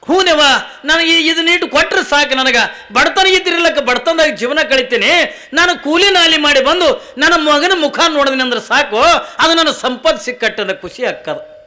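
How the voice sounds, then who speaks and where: A woman's voice: high voice, expressive, normal speed, bright, forceful tone. A man doing a tearful, pleading village wife. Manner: tearful pleading, repeating her plea. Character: poor childless village wife, pleading and grieving.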